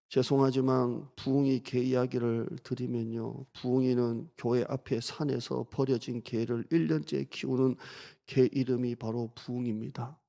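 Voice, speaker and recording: A man's voice: mid-range voice, gravelly, dark tone. A man in his fifties, a pastor preaching a conversational sermon and asking the congregation questions.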